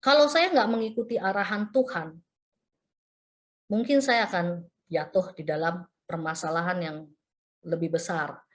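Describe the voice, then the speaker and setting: A woman's voice: fairly low pitch, measured pace, long pauses. A woman preacher giving a sermon as a personal story, acting out the phone calls and messages she describes.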